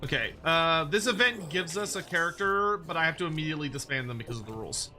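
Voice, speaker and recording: Bright-voiced man commentating a game, music behind. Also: a little high, lively intonation, fast. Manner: wry, playful, swears casually. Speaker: game streamer. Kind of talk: casual gameplay commentary.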